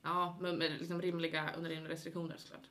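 A woman's voice: sits low, level tone, a bit bright. A woman with a Stockholm accent chatting casually and jokingly as a podcast co-host.

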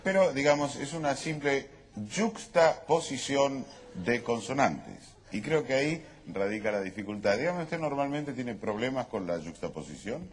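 An actor playing a smug, pedantic scholar in a live comedy sketch, lecturing about pronunciation. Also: male voice, mid-range voice, lively intonation, lightly acted. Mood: pompous. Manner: pompous, lecturing, drawn-out pronunciation. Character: pedantic learned male scholar, smug and fussy. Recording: live show with background noise.

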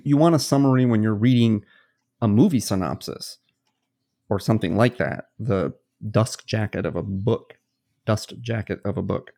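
On a podcast recorded with a studio mic, a man with a mellow, fairly low voice co-hosts as the game master. He explains his ideas casually and at great length, leaning on lots of worked examples.

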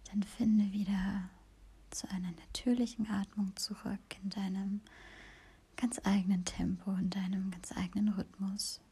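A woman hosting a podcast, whispering a slow, soothing guided meditation. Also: mid-range voice, level tone, dark tone, slightly rough.

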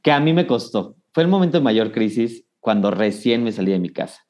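A man's voice: medium pitch, expressive, a little fast, a little mellow. A man, co-hosting a casual podcast chat, often tagging his sentences with "¿sabes?". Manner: conversational, frequent "¿sabes?" tags. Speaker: podcast co-host.

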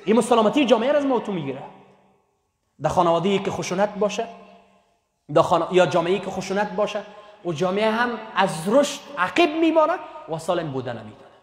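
A man delivers a sermon in a high, carrying voice, hammering his points home through repetition. He climbs in pitch whenever he stresses a point. The recording rings with the long reverb of a large hall. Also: sing-song. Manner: emphatic, repetitive, voice rising on key points. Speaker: preacher.

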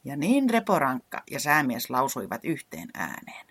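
Low, husky-voiced woman as storyteller, animated delivery for a children's action tale. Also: no room sound. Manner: animated, guiding kids through movements.

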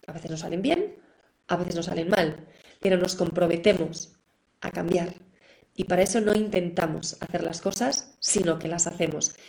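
A woman's voice: on the low side, steady tone, normal speed, vocal fry, poor audio. A middle-aged woman, teaching parents in a live online class in an encouraging manner. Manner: warm, encouraging, acts out examples. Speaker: parenting educator.

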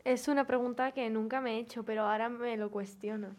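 A woman's voice: a little high, steady tone, quick pace, a little mellow. A woman chatting on a casual group show, telling personal anecdotes.

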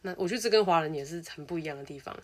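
A woman's voice: deep voice, racing, darkish tone. A woman from Taiwan, hosting a casual advice monologue and acting out the lines of the people she talks about. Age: adult who studied abroad. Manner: chatty, acts out quoted dialogue. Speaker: host.

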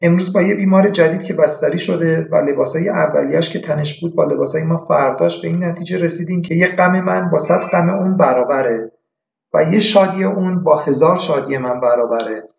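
A woman's voice: deep voice, creaky, darkish tone, voice pushed up. A man doing an earnest young woman patient. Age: young adult. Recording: echoey room, dull lo-fi.

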